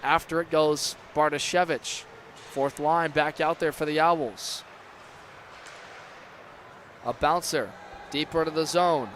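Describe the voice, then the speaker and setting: High-pitched man calling hockey over noise. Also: slow pace, pauses often. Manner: erupts into excited shouts on big plays. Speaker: play-by-play ice hockey commentator. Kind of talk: live sports commentary. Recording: clear background noise.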